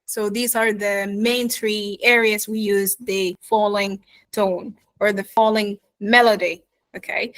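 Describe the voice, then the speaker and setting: Slow, high-voiced woman coaching pronunciation. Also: a bit bright. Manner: checks in with "yeah?" and "okay?" after nearly every phrase; repeats model words slowly for students to echo. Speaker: accent coach. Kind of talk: live online pronunciation lesson.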